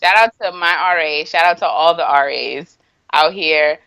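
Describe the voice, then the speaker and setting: A woman in her late twenties hosting a casual podcast chat, animated and teasing, laughing often. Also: sits low, moderate pace, smooth. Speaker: podcast host.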